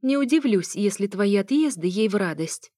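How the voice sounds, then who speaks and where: A woman's voice: medium pitch, expressive, moderate pace, warm tone, dry recording, clean studio sound, natural voice. Nastya, a purring flirt, as a woman puts her on. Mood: mocking. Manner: purring, mocking.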